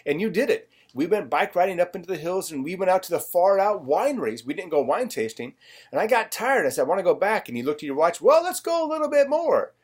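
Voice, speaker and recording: A middle-aged man telling a friend stories from their past in a personal video message, acting out what people said along the way. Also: on the high side. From California. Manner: warm storytelling, reminiscing, acts out quoted lines. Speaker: financial advisor.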